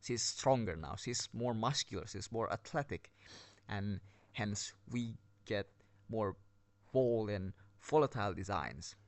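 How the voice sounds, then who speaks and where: A video game skin reviewer talks at a measured pace in a fairly low, expressive voice, with no room sound. He rambles casually, keeps restarting, and runs short of breath, recording under a blanket on his device's built-in mic without a headset.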